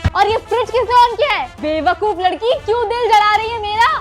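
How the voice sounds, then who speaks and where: A woman's voice: extremely high pitch, normal speed, soft background music. A woman voicing a stern middle-aged father who scolds and mocks sarcastically in a comedy sketch. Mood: scolding. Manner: scolding, sarcastic, shouting orders.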